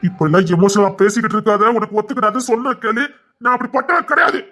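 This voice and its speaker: A man's voice: sits high, fast, sharp tone. An actor playing a husband who insists on his love and scolds his wife in a TV serial. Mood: insistent. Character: husband defending himself, pleading then angry.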